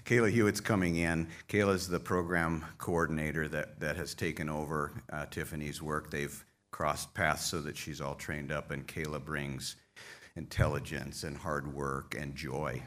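A man with an extremely low, deep voice speaks from a conference stage microphone. He thanks his team in a heartfelt, folksy way, wry and openly emotional. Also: steady tone, moderate pace, a bit bright. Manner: folksy, self-deprecating humor. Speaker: association leader addressing members. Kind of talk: conference speech thanking staff.

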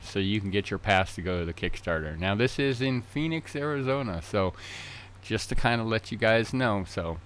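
Rambling man with a smooth low voice. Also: expressive, normal speed, a bit bright. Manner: rambling, many fillers and restarts. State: tongue-tied early in the morning. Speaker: podcast host. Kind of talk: casual podcast recap.

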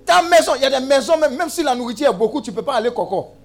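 A male preacher with a strikingly high voice that leaps around, shouting, teasing and calling on the congregation to answer. He preaches over a faint bed of music. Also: lively intonation, rapid-fire, gravelly. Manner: exclamatory, call-and-response with the congregation; humorous asides and teasing. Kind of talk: sermon.

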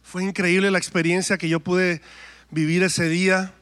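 A man's voice: sits high, level tone, moderate pace, fairly bright tone. A man, a worship singer telling his story and preaching in church, acting out quoted dialogue. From Mexico. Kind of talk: testimony and sermon.

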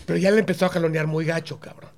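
A man's voice: a little high, steady tone, very fast. A man with a Mexican accent telling stories in casual chat, slangy and full of swearing. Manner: profane, slangy anecdote-telling with frequent "güey" and "cabrón".

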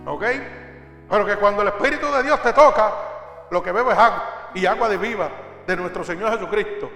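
Man, pastor, fiery sermon, high voice, echoey church hall. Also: fairly quick, faint music behind. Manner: fiery preaching, rising loud on exhortations.

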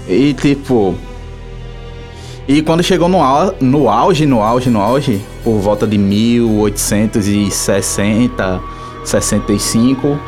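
A man with a Brazilian accent hosting a casual talk show, informal and halting, repeating his words. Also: mid-range voice, a little mellow. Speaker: radio show host. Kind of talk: casual hosted talk about travel places. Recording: music playing behind the voice. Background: instrumental music.

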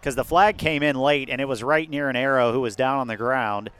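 A man with an American accent doing live football play-by-play outdoors atop a windy press box, lifting into excitement on big plays. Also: medium pitch, a little fast, clean tone. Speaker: play-by-play sports announcer. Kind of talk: live American football radio-style commentary. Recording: windy outdoor stadium broadcast.

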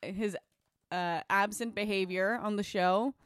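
A woman's voice: medium pitch, steady tone, a little slow, smooth, dry recording, clean studio sound. A woman co-hosting a podcast in casual chat, giggling and musing with hesitations. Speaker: podcast co-host.

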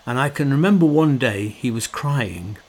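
A man's voice: medium pitch, animated, normal speed, a little mellow. A middle-aged man giving a reflective, conversational monologue, full of fillers and restarts, with a wry and sorrowful tone. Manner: wry, sorrowful tone about his subject.

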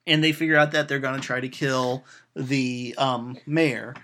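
A man chatting casually as he retells a film's plot in an animated way, with lots of um fillers and acted-out lines of dialogue. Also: mid-range voice, a little slow. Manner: animated storytelling, acting out quotes, frequent "um" fillers. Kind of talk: casual chat retelling a film.

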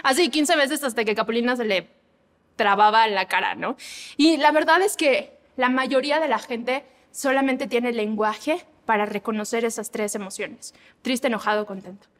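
Animated woman, devotional talk. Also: on the high side, normal speed, big-room sound. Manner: animated, acts out examples with voices.

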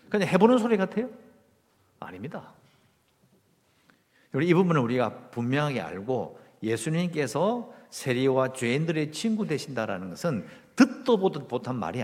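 A male pastor preaching a Sunday sermon, emphatic and firing rhetorical questions at the congregation. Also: medium pitch. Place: church sanctuary. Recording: long reverb of a church hall.

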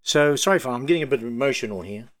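A middle-aged man with a New Zealand accent, hosting a radio tribute and speaking in a heartfelt, halting way with frequent pauses. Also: medium pitch, animated. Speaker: radio host. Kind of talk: emotional tribute talk on air. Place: radio studio. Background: soft music playing underneath.

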